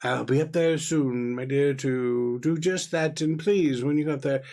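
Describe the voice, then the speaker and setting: A man's voice: medium pitch, unhurried, a little mellow, lightly acted. Man doing a pompous old-fashioned professor. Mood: formal. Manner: formal, fussy and old-fashioned. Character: genteel, pompous middle-aged male professor.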